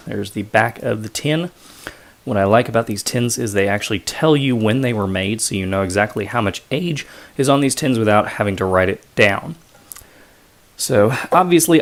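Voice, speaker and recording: A man talking casually to viewers as a reviewer, explaining methodically with hesitant pauses. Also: on the low side. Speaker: pipe tobacco reviewer.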